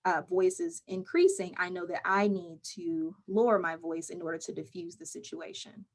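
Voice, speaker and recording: A woman mental health counselor answering interview questions in a calm, measured, explaining way. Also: on the low side.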